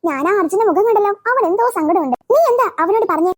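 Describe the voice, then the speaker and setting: A woman's voice: very high-pitched, lively intonation, fast talker, no room sound, studio quality. Woman doing a scolding senior schoolgirl. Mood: concerned. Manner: chiding, questioning. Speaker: cartoon voice actor. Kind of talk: cartoon voice acting.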